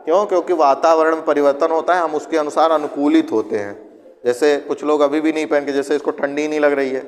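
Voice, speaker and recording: A male teacher giving a conversational classroom lecture, asking and answering his own questions and acting out students and parents in quick asides. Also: a little high, steady tone, big-room sound.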